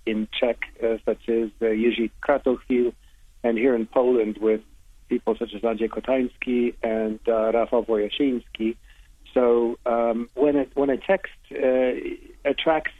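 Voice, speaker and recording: A man from the United States, a literary translator and poet, answering radio interview questions in a halting way with many ums and restarts. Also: mid-range voice, husky, no room sound. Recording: tinny phone line, dry.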